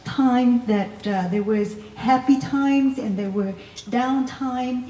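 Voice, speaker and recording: A woman with a fairly high, mellow voice gives a wedding toast slowly and hesitantly, with many fillers. She is picked up from a distance in an echoey room. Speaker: former colleague giving a toast. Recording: echoey room, distant mic, faint noise.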